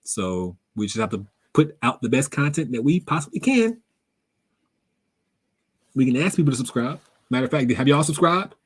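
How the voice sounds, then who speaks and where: A young man hosting a casual live Q&A, reading viewer comments aloud and answering them in a relaxed, slangy way, laughing often. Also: medium pitch, normal speed, breathy edge. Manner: relaxed, conversational, drops words into everyday slang. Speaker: livestream host reading chat.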